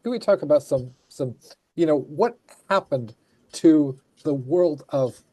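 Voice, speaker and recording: A man's voice: fairly high pitch, lively intonation, unhurried, dark tone, dry recording, low-quality recording. A man hosting a casual chat, effusive and rambling, often repeating his phrases. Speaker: show host.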